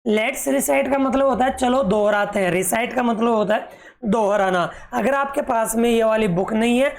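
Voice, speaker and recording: A woman teaching a children's English poem, calling her young pupils fond pet names and dictating meanings slowly. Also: fairly high pitch. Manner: slow, spelled-out dictation of meanings.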